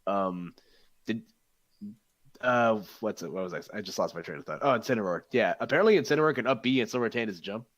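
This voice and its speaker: A man's voice: fairly low pitch, lively intonation, quick pace, a bit bright. A man co-hosting a casual gaming podcast, joking around and sometimes losing his train of thought. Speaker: podcast co-host.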